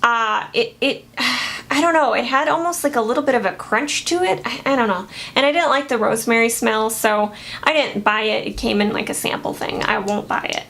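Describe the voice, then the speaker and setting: A woman reviewing used-up beauty products in a casual, chatty way, often pausing with fillers and restarting her sentences. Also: fairly high pitch, noisy background. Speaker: beauty vlogger.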